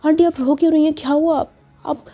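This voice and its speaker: A woman voicing an anxious young woman who stammers and rushes her words, on a dull lo-fi recording. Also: sits high, steady tone, voice pushed up, lightly acted.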